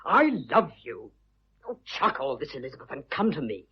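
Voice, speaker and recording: A man voicing an earnest young businessman, all bluster and awkward tenderness, his pitch leaping up and down as he talks. The voice is a little husky, and the radio play recording is dull and lo-fi. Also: very animated, moderate pace.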